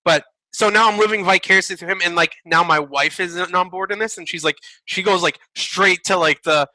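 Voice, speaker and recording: A young married man co-hosting a casual podcast, animated and quick to laugh. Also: high voice, dry recording. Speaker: podcast co-host. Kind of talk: casual chat.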